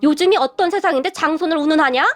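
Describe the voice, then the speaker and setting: A dignified older mother-in-law with a cool, cutting tongue, as a woman narrator puts her on in a storybook tale. Her voice sits high, with faint music behind it. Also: quick pace, a bit bright. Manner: dignified, curt.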